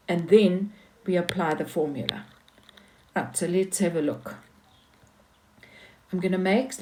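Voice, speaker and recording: A woman's voice: fairly low pitch, warm tone, slight background noise. A woman teaching maths, talking patiently through each step of a worked example and repeating key points.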